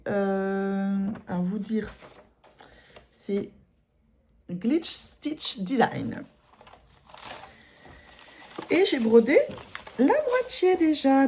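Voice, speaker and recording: Chatty French woman, mellow voice. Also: medium pitch, a little hiss or hum. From France. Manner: chatty, rambling, many fillers and self-corrections. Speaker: cross-stitch vlogger. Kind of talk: casual chat showing embroidery.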